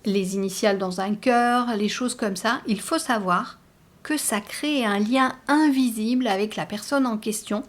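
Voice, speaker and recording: A woman hosting a spiritual guidance channel, talking in a measured, earnest way with hesitant restarts. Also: medium pitch. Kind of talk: spoken spiritual guidance monologue.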